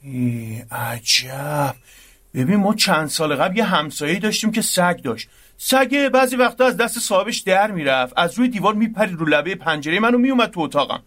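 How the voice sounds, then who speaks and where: A young man playing a teasing, muddled university dorm student who is quick to argue. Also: high voice, lively intonation, fairly bright tone. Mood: joking. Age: young adult. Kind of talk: radio drama acting.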